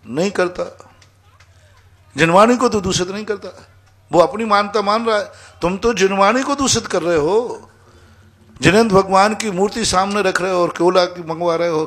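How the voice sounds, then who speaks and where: A man's voice: high voice, fairly bright tone. A man, a monk giving a sermon, scolding and emphatic, acting out dialogue in his stories. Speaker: Jain monk answering questions. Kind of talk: sermon with storytelling.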